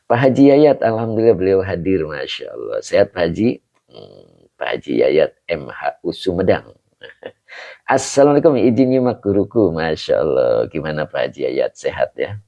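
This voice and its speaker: A man teaching a live online religious lesson, explaining grammar slowly and greeting viewers by name with chuckles. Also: sits low, big pitch swings, creaky, lo-fi sound. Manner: greets viewers warmly with frequent chuckles and pious phrases. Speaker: Islamic teacher, live stream host.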